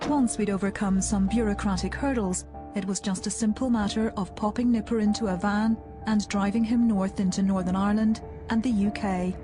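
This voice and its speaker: A woman's voice: mid-range voice, steady tone, a little fast. Woman narrating a documentary. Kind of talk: scripted narration. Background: music.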